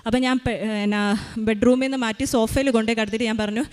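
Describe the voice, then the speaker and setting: A woman's voice: on the high side, steady tone, fast talker, a little mellow. A mother giving an emotional personal faith testimony, retelling events tensely with many restarts.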